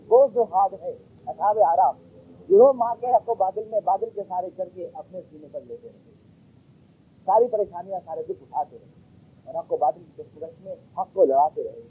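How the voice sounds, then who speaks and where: A man delivering a Quran commentary lecture, asking rhetorical questions and swinging between loud emphasis and quiet asides. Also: fairly high pitch, breathy edge. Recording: lo-fi muffled recording.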